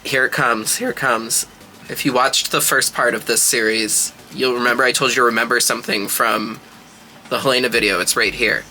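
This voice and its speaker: Sassy drag queen with a very bright voice. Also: medium pitch, steady tone, moderate pace, slight background noise. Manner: sassy, gushing drag queen talk with slangy swearing. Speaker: reaction video host, drag queen. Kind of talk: casual reaction commentary.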